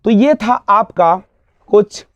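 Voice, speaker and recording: An English teacher with a high voice gives an exam-prep grammar lesson, posing questions to the class, answering them himself and drawing out example words slowly. The recording is dry, dull and lo-fi, with no room sound.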